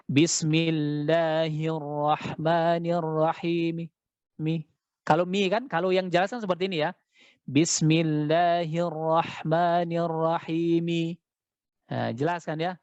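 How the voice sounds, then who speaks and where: A man teaching Quran recitation in an online class, chanting verses slowly and then explaining them quickly, heard over dull call audio. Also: fairly high pitch, a little mellow, dry recording. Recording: dull, lo-fi dry sound.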